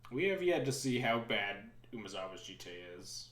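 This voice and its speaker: Guy rambling thru his card game on stream, kinda sarcastic, pitch jumps around a lot, echoey room. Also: very animated, normal speed, fairly bright tone. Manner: thinks aloud, rambling, sarcastic. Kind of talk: casual live-stream commentary.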